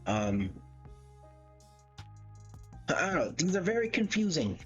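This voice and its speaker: Ranking game characters on a casual livestream, the host thinks aloud hesitantly and keeps correcting himself. His voice is a little high, fairly bright, very animated, and slow. Music plays behind a dull lo-fi mic.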